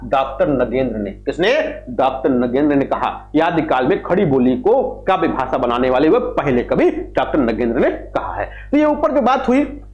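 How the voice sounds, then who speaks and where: A male teacher with a high voice that swings widely up and down as he lectures. He keeps asking his class questions and answering them himself, and repeats the key phrases. The room sounds echoey and a little dull. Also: a little mellow. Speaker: Hindi literature teacher. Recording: roomy, slightly dull recording with faint music.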